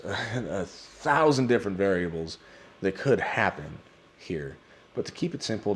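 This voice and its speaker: A man with a lowish voice talks through an explanation in a casual, unscripted way. He is conversational and informal, often dropping in "you know". The recording carries a faint layer of noise. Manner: informal, conversational, frequent 'you know'. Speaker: presenter explaining a crypto project.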